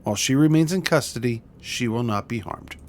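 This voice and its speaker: A man's voice: medium pitch, fairly quick, close to an everyday voice. A man voicing an aggrieved noble lord in a video game, solemn and courteous, with formal, courtly phrasing.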